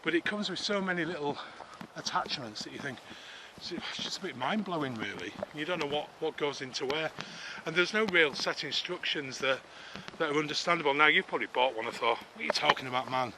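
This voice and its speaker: A middle-aged vlogger walking in the woods talks a little fast with hardly any pauses, his expressive voice on the high side. Chatty, rambling, self-deprecating, and a bit out of breath, he's recorded on a camera-mounted mic with outdoor noise and clicking.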